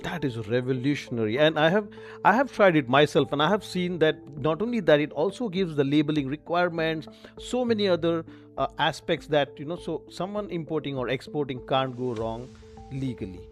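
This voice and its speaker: A man's voice: fairly high pitch, expressive, fairly quick, faint music behind. A man hosting a podcast interview, asking questions eagerly and admiringly. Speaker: podcast host.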